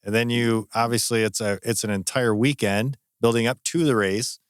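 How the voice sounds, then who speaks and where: A man hosting a running podcast, chatting in a relaxed way with many fillers. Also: medium pitch, moderate pace, clean tone, no echo, studio quality. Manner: easygoing, with frequent fillers and restarts. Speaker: podcast host. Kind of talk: casual interview chat.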